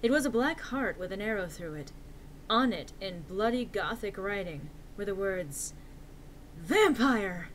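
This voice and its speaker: A woman's voice: medium pitch, lively intonation, moderate pace, slight background noise, low-quality recording. A woman giving a dramatic reading of fan fiction with the theatrical delivery of a hammy stage actor. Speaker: reader.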